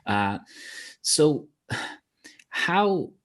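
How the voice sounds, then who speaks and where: A man's voice: fairly high pitch, very animated, extremely slow. A man from Bosnia with a Bosnian accent, hosting a reflective interview and speaking hesitantly, with restarts and sighs. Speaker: host.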